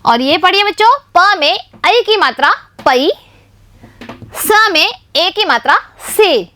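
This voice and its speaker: A woman teaching a Hindi spelling lesson to young children, slowly and patiently sounding out each letter, with a Rajasthani Hindi accent. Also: very high-pitched, expressive, sharp tone. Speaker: primary school teacher.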